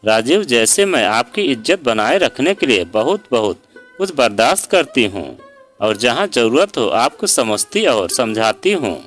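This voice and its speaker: A proud young daughter-in-law who is done staying quiet, as a male storyteller puts her on. She speaks slowly, with a voice that rises and falls a lot. Soft sitar plays behind her. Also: medium pitch, big pitch swings, soft background music. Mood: earnest. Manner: sarcastic and pleading by turns. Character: hurt, outspoken young Indian daughter-in-law.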